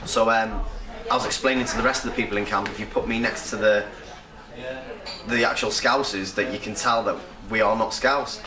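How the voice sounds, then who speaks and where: This upcoming rapper, a young man from North Wales, talks a little fast in a lowish, steady voice, chatting casually and laughing frequently during an interview. The sound comes from afar in an echoey room filled with crowd noise.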